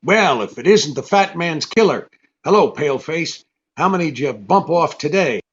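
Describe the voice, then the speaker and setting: A man's voice: a little high, lively intonation, moderate pace, slightly rough. A man playing a cynical, wisecracking hard-boiled detective in a radio drama, brusque and sardonic. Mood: mocking. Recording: dull, muffled radio recording.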